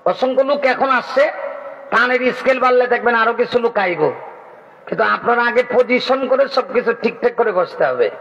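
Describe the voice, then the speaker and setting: High-voiced preacher with a big echoing hall sound. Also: male voice, normal speed, dull audio, background noise. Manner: jokes with the crowd, quizzing and cajoling listeners, rising into sing-song chanting. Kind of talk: Bengali waz sermon. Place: large outdoor religious gathering.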